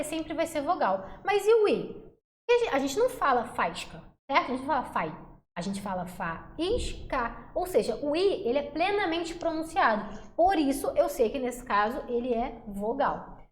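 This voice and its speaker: A woman teaching a Portuguese phonetics lesson for exam prep in a casual, chatty way, slowing down to sound out syllables. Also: high voice. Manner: casual, chatty, addresses class as galera and gente. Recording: roomy echo.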